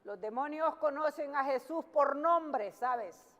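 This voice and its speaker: A high-pitched woman preacher delivers a fervent evening devotional at an unhurried pace. She prays and reads scripture aloud, often repeating her phrases. Her voice rings with a long reverberant tail from the hall. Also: a bit bright. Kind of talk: evening devotional sermon with prayer.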